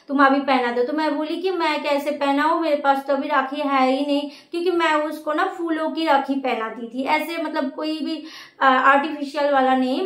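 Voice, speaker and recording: High-voiced woman, echoey room. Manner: rambling, with many pauses and restarts. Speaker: vlogger. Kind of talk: casual storytelling vlog.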